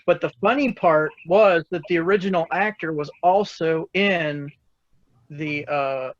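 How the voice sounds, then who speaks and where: A man's voice: fairly high pitch, measured pace, no echo, dull audio. A man in casual video call chat, chatty and full of restarts as he shares movie trivia. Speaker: cosplay group member.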